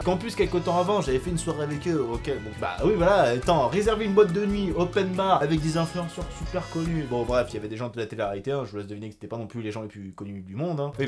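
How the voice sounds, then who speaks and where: A man in his mid-twenties tells a personal story straight to camera, with loose slang and plenty of swearing. His voice swings high and low as he goes, lively and full of expression. Soft music plays faintly behind him. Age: 20s. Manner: animated and slangy, with frequent swearing. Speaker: vlogger.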